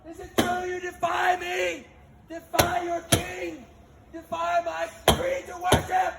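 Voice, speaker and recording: A man's voice: extremely high pitch, completely flat delivery, measured pace, over a noisy crowd. A man playing a vain, petulant pagan king in a comic amateur stage pageant, bombastic and declamatory. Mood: outraged. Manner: bombastic, declamatory shouting dropping into casual asides. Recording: very noisy live outdoor pageant recording.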